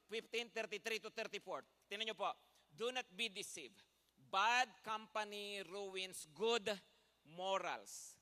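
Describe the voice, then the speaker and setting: A man's voice: high-pitched, sharp tone, big-room sound. A man with a Filipino accent, a pastor preaching a sermon in a church, telling stories in a chatty way and checking in with the congregation. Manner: chatty storytelling with laughs and "no?" asides. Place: church sanctuary.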